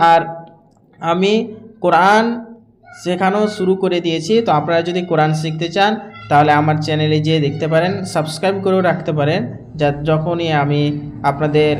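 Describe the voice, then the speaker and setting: A man teaching Quran pronunciation, slowly drilling each Arabic letter sound over and over. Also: a little high. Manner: slow, repeating each letter sound several times.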